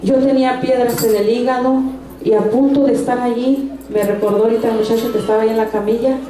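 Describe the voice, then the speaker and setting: A woman's voice: a little high, steady tone, quick pace, mellow. A woman giving a personal faith testimony at a church service, telling it earnestly with frequent restarts. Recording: echoey room sound.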